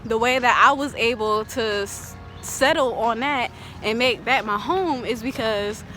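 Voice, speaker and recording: A woman's voice: fairly high pitch, pushed and bright. A young woman vlogging into a phone held at arm's length, telling a personal story in a loose, chatty way full of fillers. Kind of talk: casual storytelling to camera. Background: background music.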